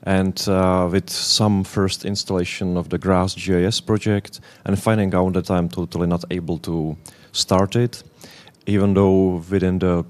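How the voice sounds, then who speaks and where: A man in his thirties from the Czech Republic gives a conference presentation in non-native English with a Czech accent, pausing and restarting as he searches for words. His voice is very low and level in tone.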